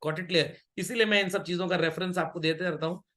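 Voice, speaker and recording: High, bright-voiced male teacher lecturing. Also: steady tone, brisk. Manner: mixes Hindi with English, keeps checking students understood; teases and scolds students playfully. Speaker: business studies teacher. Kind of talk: online class lecture.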